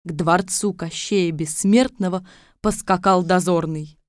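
A woman narrating a fairy tale audiobook in a calm, even storytelling manner. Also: lowish voice, unhurried, dry recording, clean studio sound.

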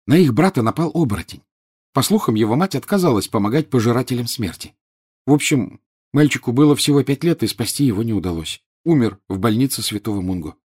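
A man voicing a brisk, insistent clever teenage schoolgirl in an audiobook. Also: medium pitch, lively intonation, a little mellow, slightly rough, pitched above the performer's own voice.

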